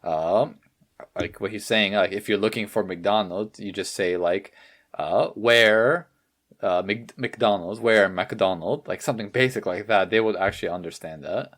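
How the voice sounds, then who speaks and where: A man's voice: on the low side, normal speed. A man co-hosting a casual podcast in an easygoing, agreeable way, with plenty of likes and uhs. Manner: easygoing, agreeable, many fillers. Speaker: podcast co-host.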